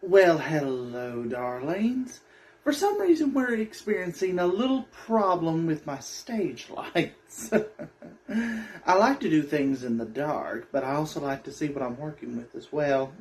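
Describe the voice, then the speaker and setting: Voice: mid-range voice, lively intonation, unhurried, darkish tone. A campy drag queen hosting a horror show with theatrical, sassy comic patter. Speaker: host of a horror film show.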